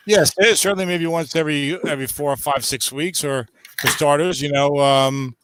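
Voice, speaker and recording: A man's voice: on the high side, moderate pace, noisy background. A man hosting a casual league chat, teasing his friends with stammering starts.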